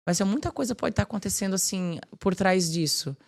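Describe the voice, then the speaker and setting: A woman guest on a podcast, talking in a lively, casual way about faith and her work, often filling her speech with "tipo assim". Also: mid-range voice, brisk, creaky.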